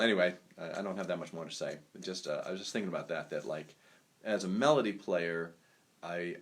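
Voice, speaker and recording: A saxophonist talking through improvisation ideas in a casual, rambling lesson, full of fillers and restarts. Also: male voice, sits low. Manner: rambling and thoughtful, many fillers.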